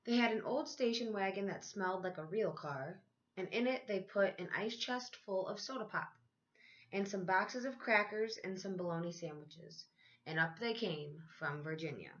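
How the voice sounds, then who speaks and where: Her voice mid-range, a woman teacher reads a kids' picture book aloud with deliberate, expressive storytelling, drawing out key phrases. The sound quality is dull.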